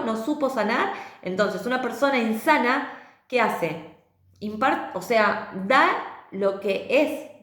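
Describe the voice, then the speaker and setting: A woman with a Rioplatense Spanish accent talks through a personal lesson, earnest and reflective, often checking in with the listener. Her voice sits in a middle register for a woman. The room around her is echoey. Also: medium pitch. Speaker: spiritual healing teacher. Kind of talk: personal teaching monologue.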